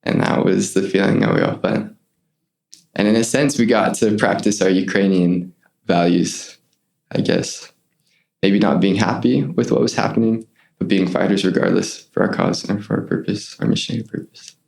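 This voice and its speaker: A gravelly, somewhat low-pitched young man speaks at a normal speed while telling an interview podcast about his missionary service. The account is heartfelt and animated, with voices quoted along the way.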